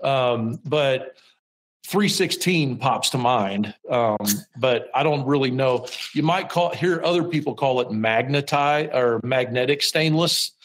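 Recording his podcast in a metal shop, a middle-aged man explains welding casually, wandering off track, joking at his own expense, and often saying "um" or starting over. He speaks in an unhurried, mid-range voice, and the audio is poor.

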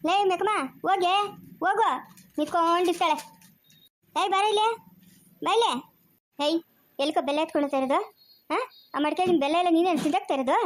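A woman's voice: very high-pitched, a little fast, pauses often. A woman acting a bossy village housewife who scolds sharply in a family skit. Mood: scolding.

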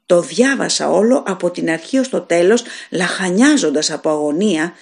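A woman narrating an audiobook of a gothic story in a measured, expressive way. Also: lowish voice, creaky. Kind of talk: scripted narration of a gothic tale.

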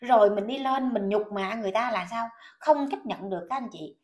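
High-voiced scolding woman with a southern vietnamese accent. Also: fairly quick. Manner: indignant, scolding, repetitive questions. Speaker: commentator. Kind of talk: ranting commentary vlog.

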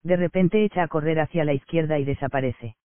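Un hombre que lee en voz alta una obra de teatro, incluidas las acotaciones, con tono llano y parejo. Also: male voice, on the high side, a little fast, no room sound. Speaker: audiobook narrator. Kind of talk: reading a stage play aloud. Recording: dry, tinny phone-like sound.

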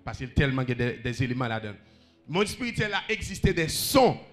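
A man's voice: medium pitch, very animated, quick pace, soft background music. A man with a Haitian accent preaching a sermon, rhythmically calling out questions to the congregation.

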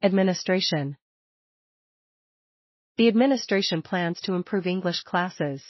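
Reading a script of vocabulary words and example sentences, this woman speaks slowly and spaces each item carefully in a voice on the low side. The sound is dry and slightly dull, with muted highs, almost no room and no echo.

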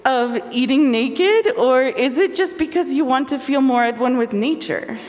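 A woman's voice: sits high, animated, unhurried, big-room sound. A woman author voicing a friendly, teasing young woman in a story she reads aloud, with a light musical delivery.

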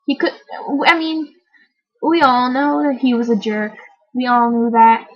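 Gushing high-voiced teenage girl. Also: measured pace, lo-fi sound. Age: teens. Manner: gushing, rambling and excitable. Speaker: vlogger. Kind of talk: casual vlog rant.

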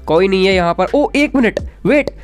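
A young man giving excitable, chatty game commentary voice-over, talking straight to his viewers. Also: sits high, normal speed, clear, resonant tone. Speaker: gaming video creator. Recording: faint background music.

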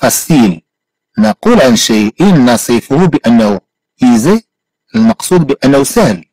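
Moroccan male teacher, animated intonation, drills phrases slowly. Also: mid-range voice, no echo, rough recording. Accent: Moroccan Arabic. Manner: slow careful repetition of English phrases. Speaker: language teacher. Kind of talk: bilingual English lesson.

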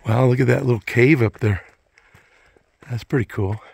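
A husky, gravelly travel vlogger in his sixties, out of breath, chats to himself in folksy short-burst exclamations while narrating a casual hike on a rocky trail. He speaks at normal speed in a steady, mid-range voice into a phone held at arm's length.

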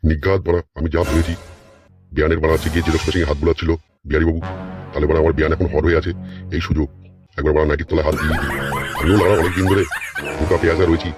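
Male VO for a sly middle-aged cartoon lech, deep voice, rapid crude patter, background music. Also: level tone. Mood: scheming. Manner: crude, rapid, muttering scheming asides. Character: lecherous widowed middle-aged man, sly. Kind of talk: Bengali cartoon voice acting.

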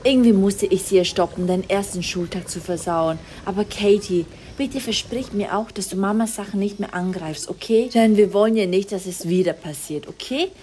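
A woman voicing a caring, gentle father in an animated story, speaking softly and reassuringly. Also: medium pitch, normal speed, hardly any pauses, slight background noise, lightly acted.

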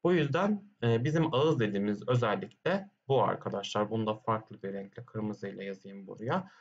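A man's voice: lowish voice, moderate pace, dull audio. A male teacher, working through exam questions one by one and posing his own questions before answering them. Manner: explains step by step, asks himself questions and answers them; hums "dın dın dın" between points. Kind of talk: exam question walkthrough lesson.

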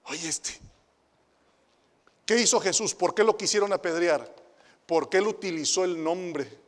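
A Mexican man with a high voice preaches a sermon to the youth, peppering it with rhetorical questions. He drops to hushed asides, then rises to loud, emphatic declarations. His voice trails off into the long reverb of a hall. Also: a little slow. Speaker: pastor and youth director.

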